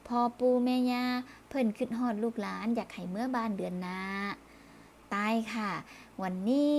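A woman's voice: medium pitch, moderate pace, darkish tone, a little hiss or hum. A woman teaching primary school children in a recorded review lesson, speaking patiently, repeating words and closing phrases politely.

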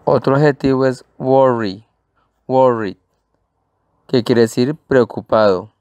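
A man gives a pronunciation lesson, saying each word twice and walking through it slowly and patiently. His voice is smooth and clear. The sound is dry and close, with no room around it. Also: medium pitch, darkish tone, no echo. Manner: slow, patient, spells out and repeats each word. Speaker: English teacher. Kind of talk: pronunciation lesson for Spanish speakers.

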